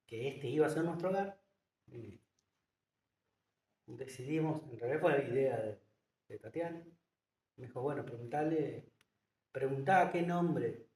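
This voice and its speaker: A man's voice: medium pitch, darkish tone. A man, a guest in a casual interview, who talks hesitantly with many fillers and restarts. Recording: echoey room, distant mic.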